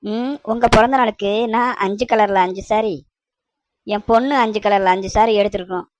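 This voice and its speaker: A woman's voice: mid-range voice, steady tone, normal speed, darkish tone, no room sound, natural voice. Woman doing a fussy scheming mother-in-law. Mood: coaxing. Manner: coaxing, fussy chatter. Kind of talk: cartoon voice acting.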